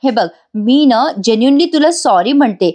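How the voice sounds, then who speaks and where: An earnest young woman who gently coaxes and apologises, trying to make peace, as a female narrator reads her lines. Her voice is a touch high and lightly spoken. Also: expressive, normal speed. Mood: pleading. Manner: coaxing, earnest.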